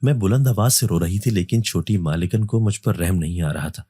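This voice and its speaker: A man reading a first-person horror story as a storyteller, in a steady, even manner. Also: low-pitched, husky, no echo, studio quality. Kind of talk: scripted narration of a horror story.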